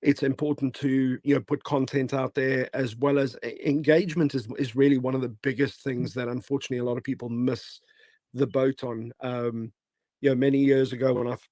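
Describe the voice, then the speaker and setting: A man with a hoarse, failing voice giving casual, rambling advice as a guest in a live online audio room, with many fillers and restarts. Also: medium pitch, a little mellow, no room sound. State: hoarse, losing his voice. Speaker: guest speaker.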